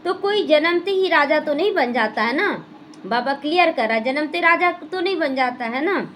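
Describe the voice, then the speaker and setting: A woman's voice: sits high, animated, normal speed, fairly bright tone, a little hiss or hum. A woman teaching a spiritual class, explaining the day's lesson and putting questions to the class. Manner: explanatory, asks the class questions and answers them. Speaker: Brahma Kumaris class teacher. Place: small gita pathshala classroom.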